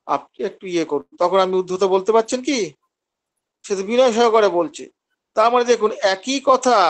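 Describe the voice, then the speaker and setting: Male teacher, high pitch, online class, explanatory and demonstrative. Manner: explanatory, acts out patients' lines. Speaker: homeopathy teacher.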